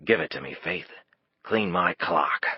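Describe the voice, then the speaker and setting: A man voicing a drunk, bitter middle-aged man who slurs his words roughly. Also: low-pitched, a little slow, no echo, muffled recording. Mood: taunting. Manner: slurred, rough.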